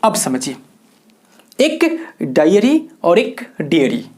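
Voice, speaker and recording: A man's voice: fairly high pitch, wildly swooping pitch, slow, darkish tone. A man from Bihar, India, giving a video lesson as an English teacher, spelling words out letter by letter and asking his viewers questions he then answers himself. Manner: asks the viewer rhetorical questions and answers them. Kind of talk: classroom-style video lecture.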